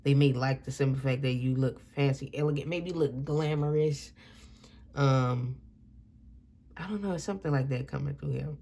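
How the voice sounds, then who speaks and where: Woman tarot reader, casual and rambling, fry in the voice. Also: a bass voice, moderate pace, warm tone. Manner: rambling, repeats and corrects herself. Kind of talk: casual tarot reading to viewers.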